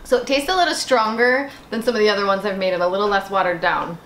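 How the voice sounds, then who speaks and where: A woman's voice: medium pitch, quick pace, fairly bright tone. A woman in her thirties talking through a home recipe in a chatty, candid way. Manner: chatty, candid, self-deprecating. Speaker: home cooking vlogger. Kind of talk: casual kitchen vlog. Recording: echoey room with background noise.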